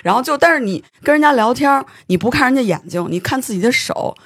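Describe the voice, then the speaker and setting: A host tells a long story in casual studio chat, words tumbling out quickly and sometimes stammering. The voice is husky and breathy. The sound is dry and close to the mic. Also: high-pitched, dry recording. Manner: animated storytelling, stammers when excited. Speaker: podcast host.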